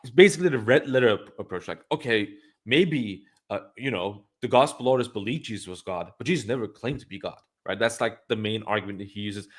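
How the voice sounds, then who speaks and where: A man's voice: fairly low pitch, quick pace, hardly any pauses. A man hosting a livestream, giving blunt, opinionated commentary and thinking aloud with frequent restarts. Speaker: livestream host.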